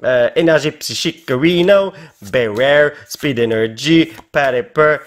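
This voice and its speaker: A tired young man with a Québécois French accent, excitedly opening Pokémon cards in a casual vlog and tossing in English exclamations. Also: mid-range voice, slow pace. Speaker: YouTuber.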